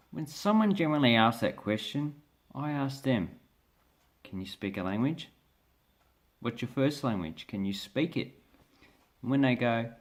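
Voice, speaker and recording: An Australian language vlogger gives a casual lesson to camera, explaining things by showing pages from a book. He has a mid-range voice and talks in a relaxed, hesitant way, with lots of fillers and restarts.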